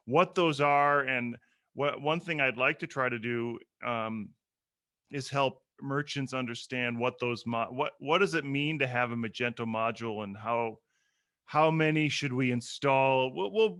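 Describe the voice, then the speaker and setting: A man's voice: medium pitch, bright, forceful tone. A man hosting a commerce podcast, chatting casually and joking with his guest. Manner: joking, playful, with restarts. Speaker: podcast host. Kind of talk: casual interview chat.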